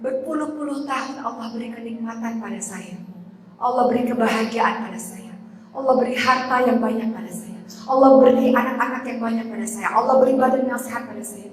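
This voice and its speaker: A woman's voice: a little high, fairly quick, natural voice. A woman telling of a patient, humble old prophet. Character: patient suffering male prophet, older man. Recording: echoey hall, voice from far off.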